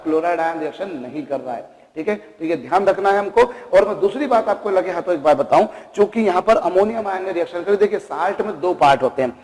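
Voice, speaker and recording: A man teaches chemistry, pausing to ask his students rhetorical questions and calling them kids. His voice sits high for a man. The sound carries a long reverb, as if recorded in a hard classroom. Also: a little mellow. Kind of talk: classroom lecture.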